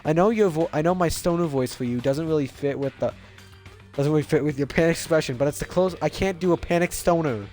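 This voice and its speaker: Male game streamer, lightly pitched, chatty and rambling, often cutting himself off. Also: fast talker, a little mellow, soft background music. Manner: self-interrupting, rambling asides. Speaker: video game let's player. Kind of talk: casual game commentary with character read-alouds.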